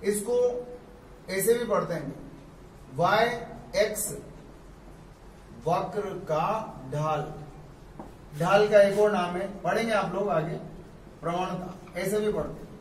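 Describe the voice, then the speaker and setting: A physics teacher gives a classroom lecture, explaining step by step and repeating terms slowly. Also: male voice, sits high, a little hiss or hum. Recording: echoey room, mic far off.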